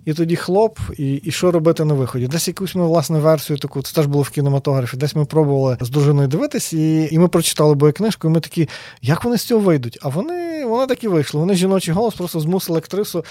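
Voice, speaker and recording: A man talks quickly and eagerly, his voice sitting a bit high for a man. He explains ideas like a lecturer in casual conversation, often tossing in little checking questions. The sound is dry and close, with no room around it. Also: no room sound. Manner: animated, explanatory, frequent tag questions. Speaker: guest, sociologist and lecturer. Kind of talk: conversational podcast interview.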